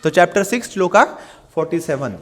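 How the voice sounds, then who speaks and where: A middle-aged man from India teaching a scripture class in Hindi. He chants verses slowly and tells stories with lively acted-out voices for the people in them. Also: high voice. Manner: animated storytelling, acts out quoted characters. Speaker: Gita teacher.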